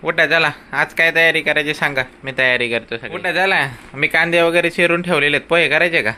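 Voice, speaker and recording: A man's voice: on the high side, fairly even intonation, fairly quick, bright, forceful tone. A man with a Marathi accent chatting in a family vlog, playfully teasing and coaxing his family. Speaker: vlog host and father. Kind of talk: casual family vlog chat.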